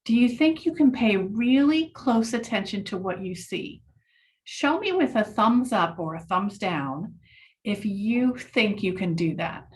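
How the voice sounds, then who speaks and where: A woman leading a children's mindfulness lesson, speaking gently and encouragingly to the class. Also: mid-range voice, expressive, a little slow, far from the mic.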